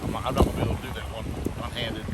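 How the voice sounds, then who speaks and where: A man's voice: lowish voice, flat delivery, rapid-fire. A man speaking casually on location as a storm chaser. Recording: clear wind and water noise.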